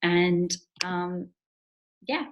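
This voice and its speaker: Woman w a fairly low voice doing a screen-share tutorial, chill step-by-step explaining, lots of ums. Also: drawn-out words, muffled recording, noisy background. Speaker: software tutorial host.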